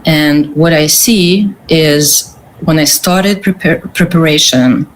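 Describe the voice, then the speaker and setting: Ukrainian-accented woman guest, slow and halting, faint hiss under the voice. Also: low-pitched, poor audio. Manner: earnest, halting with pauses and restarts. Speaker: guest, curator. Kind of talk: interview answers.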